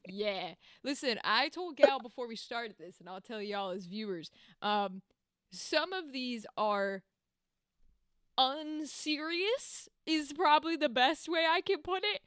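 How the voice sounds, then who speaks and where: A young woman co-hosting a podcast in loose, casual chat. She talks bluntly, swears freely and breaks into laughs. Her voice sits a little high and sounds dry and close, with no room around it. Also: lively intonation, takes it slowly, a bit bright, clean tone, dry recording. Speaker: podcast co-host.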